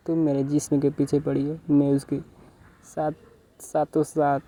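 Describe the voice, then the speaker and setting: A man's voice: fairly high pitch, monotone, measured pace, dark tone, voice pushed up, natural voice. A man doing a pleading young lover. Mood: defiant. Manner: pleading, emotional.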